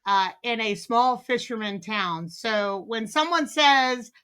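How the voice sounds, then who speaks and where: Bright-voiced enthusiastic woman podcast host. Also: fairly high pitch, slow, clear, resonant tone. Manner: enthusiastic, many fillers and restarts. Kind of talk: podcast interview.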